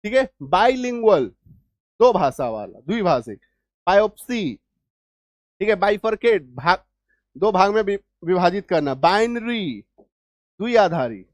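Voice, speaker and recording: A man's voice: sits high, dry recording. Man teaching, checking in constantly. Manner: repeats words and keeps checking understanding; patient, step-by-step explaining. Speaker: English teacher. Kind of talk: spoken language lesson.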